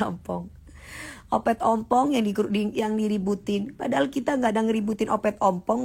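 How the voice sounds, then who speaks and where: A woman's voice: fairly high pitch, creaky, fairly bright tone, husky. A woman, ranting casually and mockingly to viewers on a livestream. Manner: sassy, combative, mocking. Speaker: livestream host.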